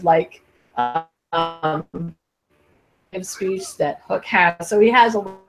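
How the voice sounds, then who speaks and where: A woman hosting a podcast who reviews a TV show in casual, halting chat full of restarts. She talks into a headset mic on an online call, and her audio is glitchy and keeps cutting out. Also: fairly low pitch, over music, poor audio. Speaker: podcast host. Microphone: headphone mic over an online call.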